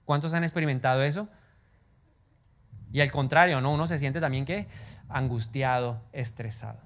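A man preaching a sermon, animated, sometimes dropping to a whisper and putting questions to the congregation. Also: a little high. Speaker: pastor.

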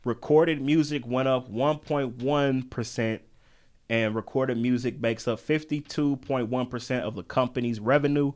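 A man's voice: mid-range voice, fairly even intonation, normal speed, a little mellow. A man hosting a casual podcast chat about the music business, talking loosely with plenty of slang and fillers. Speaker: podcast host.

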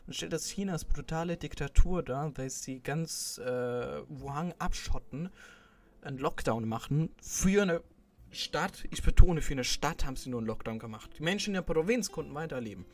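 A man's voice: on the high side, expressive, moderate pace. A young man talking casually in a rambling way, with many fillers and restarts. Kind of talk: casual chat.

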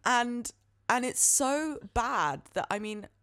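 A young British woman chatting casually as a podcast co-host, with an animated, talkative manner. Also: fairly high pitch, slow pace, clear, resonant tone. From United Kingdom. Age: young adult. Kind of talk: casual chat.

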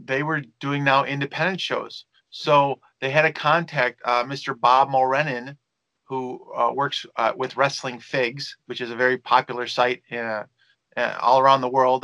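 A man's voice: mid-range voice, bright, forceful tone, dry recording, low-quality recording. A man who works as a wrestling promoter and manager, telling stories in a rambling interview with many fillers and restarts. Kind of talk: casual storytelling interview.

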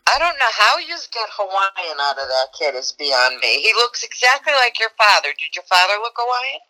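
An older woman's voice comes through a phone on speakerphone, bright and edged. Her pitch swings widely as she answers bluntly, with a wisecracking, no-nonsense manner. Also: very animated, moderate pace, poor audio. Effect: heard over a phone on speakerphone. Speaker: caller's mother on the phone. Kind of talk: casual phone chat.

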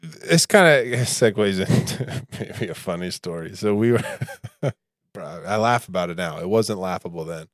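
Low-voiced man telling a rambling story. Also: normal speed, no room sound, studio quality. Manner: relaxed, chuckling, rambling anecdotes. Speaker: podcast co-host. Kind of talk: casual podcast storytelling.

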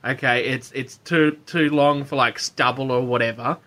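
A man's voice: medium pitch, fairly even intonation, moderate pace, sharp tone. A man with an Australian accent joking casually as a radio co-host, often repeating his phrases. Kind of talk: casual chat. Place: his bedroom.

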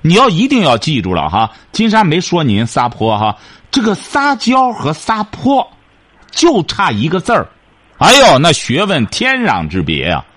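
A man's voice: a little high, wildly swooping pitch, moderate pace, fairly bright tone, slightly rough. A man hosting a radio advice show, lecturing a caller in an emphatic, repetitive way.

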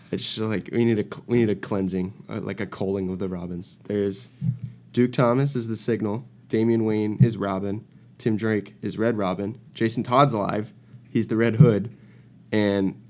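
A man's voice: on the low side, fairly even intonation, moderate pace, darkish tone. Hungover, griping male podcast co-host. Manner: hungover, feeling awful; blunt, slangy griping. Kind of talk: casual chat, opinionated rambling.

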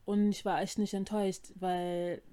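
A young woman co-hosting a relaxed conversation. She talks in a chatty way, summarizing things as she goes, with plenty of filler words. Her voice sits at an average pitch. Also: measured pace, smooth. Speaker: podcast co-host. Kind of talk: casual chat.

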